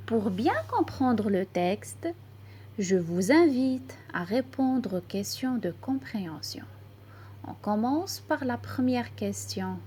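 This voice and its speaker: A woman teacher with a Moroccan accent slowly reading and sounding out syllables for young children. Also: a little high, lively intonation, warm tone, slightly rough. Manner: pronounces syllables slowly and distinctly, spelling out letters. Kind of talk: slow, deliberate reading lesson for children.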